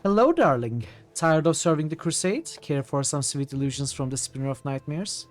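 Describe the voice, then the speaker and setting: A man's voice: on the high side, animated, normal speed, lightly acted. A man voicing a smug, teasing young female cult sorceress from a video game in a theatrical, mocking way. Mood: mocking, sweet. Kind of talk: reading video game dialogue aloud. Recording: music behind the voice.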